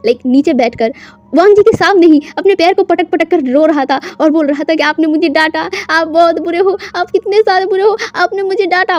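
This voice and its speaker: Chatty high-voiced woman storyteller. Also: mellow, no room sound, dull audio. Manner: chatty, with frequent English words and fillers. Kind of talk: casual story narration.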